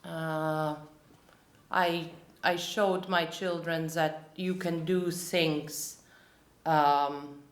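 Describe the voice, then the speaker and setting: A woman from Latvia in her thirties, answering interview questions and pausing often to search for words. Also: low voice, flat delivery. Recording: echoey room.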